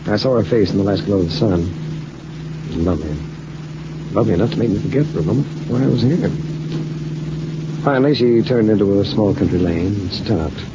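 An actor playing a stern, dry, skeptical private investigator who questions and narrates in an old-time radio detective drama. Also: male voice, fairly low pitch, fairly quick, pauses often, natural voice. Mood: brooding, wry. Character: hard-boiled, wry, skeptical male private investigator narrating his case. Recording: dull, noisy old radio recording.

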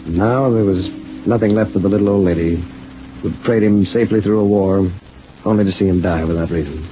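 Man acting a stern, low-voiced hard-boiled private eye. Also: a little fast, warm tone, soft background music, natural voice. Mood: brooding, wry. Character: hard-boiled, wry, skeptical male private investigator narrating his case. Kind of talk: old-time radio detective drama with first-person narration. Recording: dull, noisy old radio recording.

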